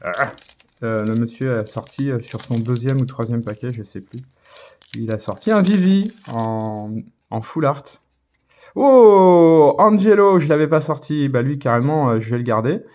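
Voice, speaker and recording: A man's voice: medium pitch, a little mellow. Hesitant man chatting while opening cards. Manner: hesitant, full of filler sounds and restarts; reads out foreign card names slowly. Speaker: card-opening video host. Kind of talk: casual commentary while opening packs.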